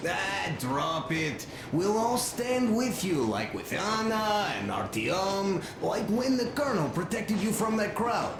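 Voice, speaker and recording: Lively young Russian soldier, echoey. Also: male voice, high-pitched, slow, hardly any pauses, exaggerated voice. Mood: reassuring. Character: teasing, warm-hearted young Russian soldier. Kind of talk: video game dialogue. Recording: very echoey, noisy game audio.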